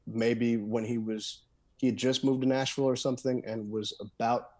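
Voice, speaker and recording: A man's voice: mid-range voice, little pitch movement, moderate pace, darkish tone. A man guesting on a podcast, talking in a loose, rambling way with lots of fillers, restarts and "dude". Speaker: guest guitarist and songwriter. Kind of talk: casual podcast conversation.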